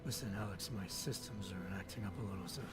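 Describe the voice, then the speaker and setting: An actor playing a terse, steady augmented male agent in a video game, speaking in short clipped lines. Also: low voice, quick pace. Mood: weary. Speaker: game protagonist. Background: game music.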